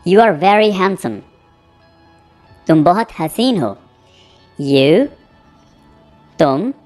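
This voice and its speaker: A man teaching a spoken English lesson. He repeats example sentences slowly and checks in often with "theek hai.". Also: a little high. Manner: explains with frequent "theek hai" check-ins.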